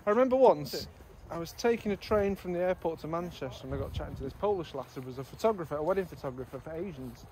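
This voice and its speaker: A man's voice: fairly high pitch, animated, fast talker, darkish tone, slight background noise. A middle-aged man chatting enthusiastically while leading a friend on a riverside park walk, recorded on a camera mic outdoors. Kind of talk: casual walking chat.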